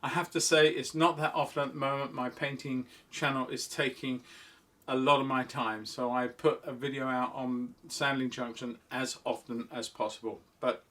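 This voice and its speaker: A man's voice: mid-range voice, flat delivery, normal speed, a bit bright. A middle-aged man hosting his own hobby vlog, talking in a rambling, self-deprecating, chatty way. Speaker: model railway channel host. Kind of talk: casual hobby vlog talk.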